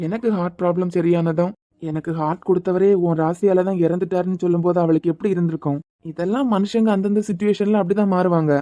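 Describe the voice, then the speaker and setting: A woman voicing a steady, comforting adult man, a doctor like an elder brother, advising a hurt young woman. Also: lowish voice, dry recording, lightly acted. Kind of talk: Tamil audio drama acting.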